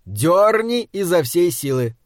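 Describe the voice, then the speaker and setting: A brusque, sardonic monster hunter barks orders and pokes fun in a gruff, raised voice, as a man reading an audiobook puts him on. The delivery is commanding and mocking, and the recording is dry and close. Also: fairly high pitch, lively intonation, measured pace, darkish tone, dry recording.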